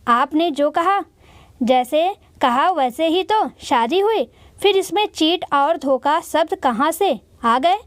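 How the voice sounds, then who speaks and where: Woman reads indignant middle-aged father, scolding, high voice, dry sound. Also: animated, slow, no echo. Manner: defensive and scolding.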